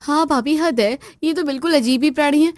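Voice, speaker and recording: A woman voices a young new daughter-in-law in an acted family story, polite and pleading but worn down. Her voice rides high. The sound is close and dry. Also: fairly quick, dry recording, close to an everyday voice. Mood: polite exasperated.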